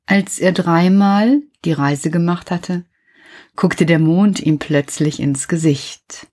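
A woman reading a children's story aloud in a lively, expressive way, often dropping her voice softly. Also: lowish voice, takes it slowly.

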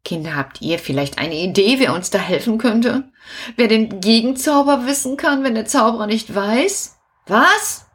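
A woman's voice: on the high side, expressive, moderate pace, close to an everyday voice. Woman doing a chatty puppet jester. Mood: rallying. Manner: addressing the audience of children directly. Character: cheerful male puppet jester, talks to children. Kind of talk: children's puppet show.

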